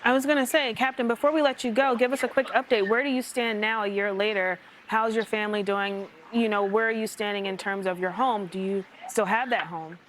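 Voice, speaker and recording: Woman interviewer, medium-pitched voice. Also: steady tone, brisk, hardly any pauses, fairly bright tone, a little hiss or hum, poor audio. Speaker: news interviewer. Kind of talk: conversational broadcast interviewing.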